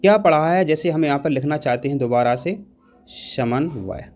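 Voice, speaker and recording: A man's voice: on the high side, normal speed, a little mellow. A man teaching an exam-prep grammar lesson, repeating key points and putting questions to the class. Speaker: Hindi teacher.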